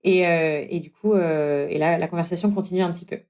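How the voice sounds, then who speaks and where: A young adult woman telling a personal story in casual chat, acting out the dialogue with big leaps in pitch. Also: fairly quick. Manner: animated, acts out dialogue with big pitch jumps. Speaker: guest telling her story.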